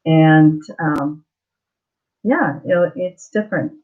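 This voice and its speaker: Speaking with a deep voice, a livestream host welcomes her viewers haltingly and with apologies, sounding slightly thick-mouthed as her mouth is still swollen after dental surgery. The chat is casual, captured in dull, lo-fi livestream audio.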